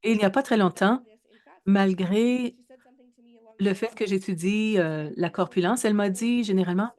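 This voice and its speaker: A woman in her thirties giving a research presentation in a webinar, speaking in a measured way with frequent hesitations and self-corrections. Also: mid-range voice, darkish tone. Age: 30s.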